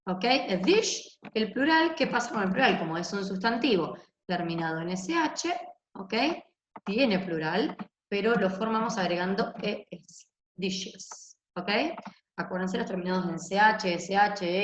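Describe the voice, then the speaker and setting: Woman teaching english, says "ok?" nonstop, echoey dull laptop mic sound. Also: mid-range voice. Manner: explains in Spanish, tags most lines with "ok?". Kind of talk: recorded online class explanation. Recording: echoey room, dull lo-fi sound, faint hiss.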